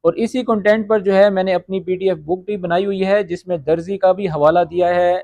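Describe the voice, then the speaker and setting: A man teaching spoken Arabic phrases, saying each phrase slowly and checking with his listeners as he explains. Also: high-pitched, steady tone, a little mellow, no room sound. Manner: repeats Arabic phrases slowly, often asks "ٹھیک ہے؟".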